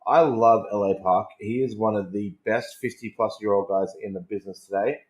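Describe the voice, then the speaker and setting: Male podcast co-host, fairly low pitch, echoing room, keen and informal fan conversation. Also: fairly even intonation, a little fast. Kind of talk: casual wrestling chat. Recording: roomy, echoing voice recording.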